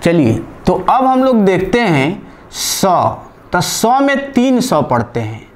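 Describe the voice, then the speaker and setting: A man's voice: high-pitched, very animated, slow. A man teaching a live online grammar class, explaining step by step and repeating key terms while he writes on a board.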